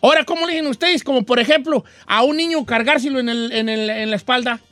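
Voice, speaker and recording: A man's voice: extremely high pitch, quick pace, no echo, faint music behind. A man with a western Mexican accent hosting a casual radio chat, acting out quoted dialogue as he tells stories. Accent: Mexican, western (Michoacán area). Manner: animated storyteller, acts out quoted dialogue. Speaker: radio host.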